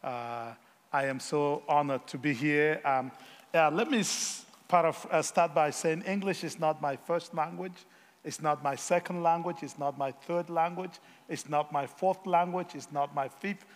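A guest missionary from Africa, whose first language is Yoruba, delivers a sermon in a voice a little high for a man. He speaks haltingly with frequent filler pauses and self-deprecating, wry jokes, his words ringing in a hall with a long echo.

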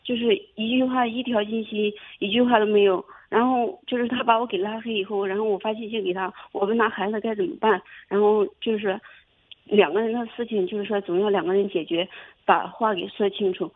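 A young woman calling in to a radio advice show, telling her story haltingly with many restarts. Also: mid-range voice, steady tone. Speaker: caller. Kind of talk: phone-in advice call. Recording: tinny phone line.

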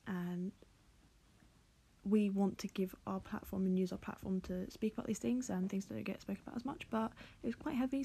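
A woman's voice: mid-range voice, warm tone, slightly rough. A young woman co-hosting a casual podcast, chatty and earnest, with a groggy morning voice. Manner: chatty, filler-heavy, earnest. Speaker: podcast co-host.

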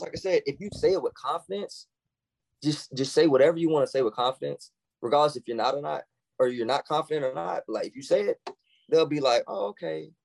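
A man's voice: medium pitch, creaky, a little mellow, no room sound, poor audio. A young man, a guest on a podcast, talking in casual chat and acting out quoted lines in shifting voices.

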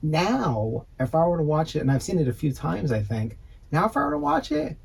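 A podcast co-host who is a designer speaks in a fairly high, creaky voice, very animated and brisk, with slight background noise. He rambles through casual chat packed with fillers and swearing.

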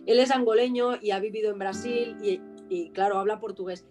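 A woman's voice: mid-range voice, fairly even intonation, a little fast, music in the background. A woman from Spain, a singer and poet, talking with passion and emphasis in a casual interview.

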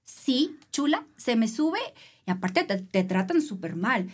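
A woman with a Mexican Spanish accent, a triathlete guest telling a race story in a casual interview, animated and acting out other people's voices. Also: fairly high pitch, unhurried, slightly rough.

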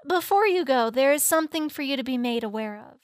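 A man's voice: very high voice, animated, no room sound, studio quality, voice pushed up. A man voicing a frail, dying fay queen, in a weak, solemn and formal voice. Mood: grave. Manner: solemn, slow, formal speech. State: weak and faint. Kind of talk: audiobook character voice.

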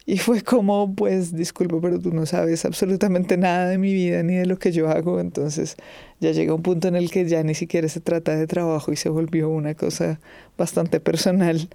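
A woman answering interview questions in a measured, thoughtful way, pausing and restarting as she speaks. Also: lowish voice, little pitch movement, gravelly, mellow, dry recording.

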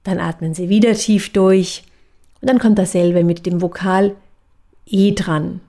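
A woman voice coach giving a calm, measured lesson on breathing and articulation exercises. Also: fairly low pitch. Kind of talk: instructional voice training lesson.

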